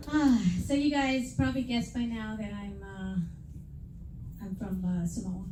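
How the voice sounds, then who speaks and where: A middle-aged woman from New York does brash, self-deprecating stand-up for a live audience, acting out her stories' characters and quoting them in raised voices. Her pitch is medium. Captured far from the mic in an echoey room, the audio is very noisy, with loud crowd laughter.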